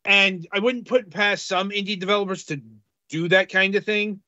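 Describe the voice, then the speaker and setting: A man co-hosting a casual game-review podcast, talking haltingly with many fillers. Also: sits high, fairly even intonation, bright, forceful tone, dry recording, muffled recording. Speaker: podcast co-host reviewing games.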